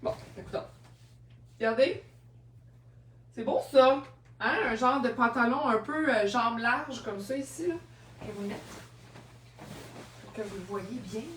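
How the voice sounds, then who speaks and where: With a fairly high pitch and a measured pace full of pauses, a woman with a Québécois French accent shows second-hand clothes on a live stream, chatting, telling stories and laughing a lot. The mic is distant, so the sound is roomy.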